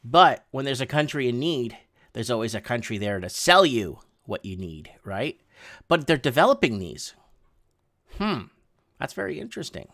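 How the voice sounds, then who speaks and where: Very animated, with vocal fry and a fairly bright tone, a middle-aged native Portuguese speaker runs a livestream at a moderate pace and medium pitch. He casually reads news headlines and reacts with rambling, sarcastic remarks.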